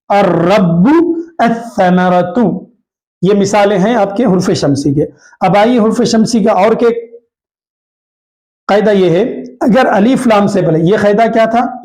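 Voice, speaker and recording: A man with a Hyderabadi Urdu accent teaching a tajweed lesson, repeating each rule and slowly drawing out the Arabic example words. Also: high-pitched, darkish tone. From Hyderabad, India. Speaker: Quran recitation teacher. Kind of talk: tajweed lesson, explaining rules.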